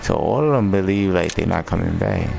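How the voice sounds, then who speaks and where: A man's voice: deep voice, fairly quick, creaky. An American man giving casual, slangy live commentary on a game as he streams it. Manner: slangy, informal.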